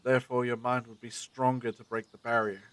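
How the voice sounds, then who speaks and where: A man playing a brisk, secretive time-travelling adventurer in an audio drama, with a commanding, theatrical, abrupt manner. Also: mid-range voice, level tone, fairly bright tone, close to an everyday voice.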